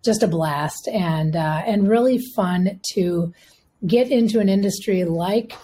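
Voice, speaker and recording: A woman in her fifties with a Minnesota accent speaks as a podcast guest, telling her career story in a relaxed, conversational way and often restarting her phrases. Her voice sits fairly low and sounds dark and mellow. A faint noise hum runs under the recording. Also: a little slow. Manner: conversational, frequent restarts and fillers. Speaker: healthcare executive guest. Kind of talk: podcast interview.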